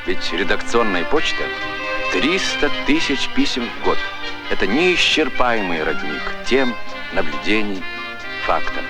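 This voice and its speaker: A man's voice: on the low side, big pitch swings, unhurried. A man giving formal, declamatory announcer narration in the style of an old newsreel. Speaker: documentary narrator. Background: music score.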